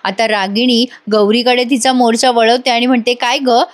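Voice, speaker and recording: A woman narrating a voice-over recap of a TV serial, retelling scenes with lively asides. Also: a little high, normal speed. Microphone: studio voice-over.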